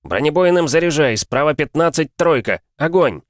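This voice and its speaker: A man's voice: mid-range voice, expressive, fairly quick, dry recording, clean studio sound, pitched above the performer's own voice, natural voice. A man voicing a blunt male tank commander who barks orders in battle. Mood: commanding. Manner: barked orders, blunt and cold.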